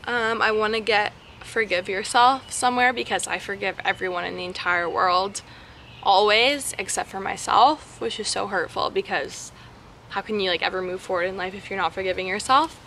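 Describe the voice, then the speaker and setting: A woman's voice: medium pitch, moderate pace, bright, forceful tone, slight background noise. A young adult woman chatting casually and frankly in a slangy way, answering questions as a vlogger outdoors in a backyard.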